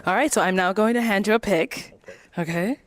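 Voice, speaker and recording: A woman hosting a dating show, steady and directive. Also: mid-range voice, a little fast, no room sound.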